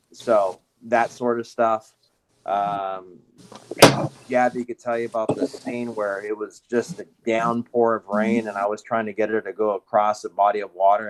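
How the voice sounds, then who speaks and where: A dog trainer with a fairly low voice tells his field stories in a loose, rambling way, stopping for ums and starting his sentences over. He talks like a guest in a casual chat. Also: background noise. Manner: relaxed, rambling, many fillers and restarts. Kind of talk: casual podcast storytelling.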